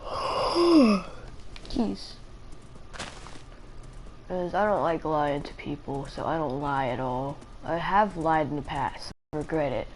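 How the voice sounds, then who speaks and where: Tired woman streamer, slow, low-ish voice, rambling and hesitant, faint noise behind. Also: a little mellow, low-quality recording. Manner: hesitant, rambling, many fillers. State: sleepy and tired. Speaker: live streamer. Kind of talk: casual rambling live-stream chat.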